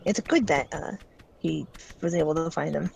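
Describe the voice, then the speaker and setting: A woman with a low, gravelly voice chats casually as she watches a game being played. She drops hints in a relaxed way and often trails off. A faint hiss sits under her voice. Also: normal speed. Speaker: let's play co-host. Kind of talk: casual gameplay chat.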